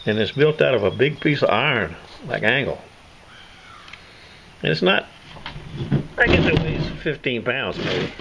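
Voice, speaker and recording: A man's voice: mid-range voice, animated, a little slow, gravelly, long pauses, background noise. An older man, casually demonstrating tools in his home workshop, rambling and folksy. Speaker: knife sharpener showing his shop tools.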